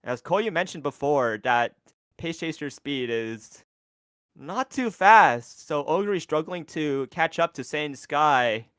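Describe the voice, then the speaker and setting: A man casting an online racing tournament, getting loud and excited during the race calls. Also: a little high, clean tone, no room sound. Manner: excitable, rises to loud fast calls at the finish. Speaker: tournament caster. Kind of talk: esports race commentary.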